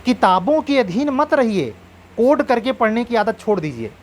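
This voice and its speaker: A man's voice: extremely high pitch, big pitch swings, moderate pace, a little hiss or hum. A man coaching exam candidates in an earnest, advising lecture, drawing on proverbs.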